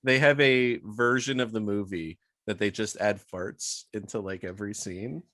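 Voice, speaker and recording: A man's voice: on the low side, fairly even intonation, moderate pace, pushed and bright, no room sound. Guy cohosting a podcast, dry close sound, rambly jokey chat, laughs a lot. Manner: joking, rambling, laughs often. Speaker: podcast co-host. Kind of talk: casual chat.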